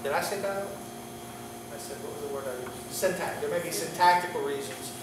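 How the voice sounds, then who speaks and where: A man, a pastor, teaching an informal Greek class, talking in a halting way with many fillers and restarts and joking with his students. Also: a little high. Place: church classroom. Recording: roomy, distant classroom recording with faint hiss.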